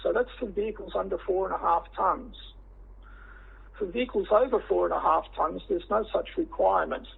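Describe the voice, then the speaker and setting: Croaky, hoarse Australian man on a tinny line. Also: sits high, fairly quick. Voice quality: croaky, froggy, husky voice. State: hoarse after throat surgery. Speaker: witness, director of a tyre safety body. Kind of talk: formal testimony to a committee. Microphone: phone or teleconference line. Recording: tinny, band-limited teleconference line.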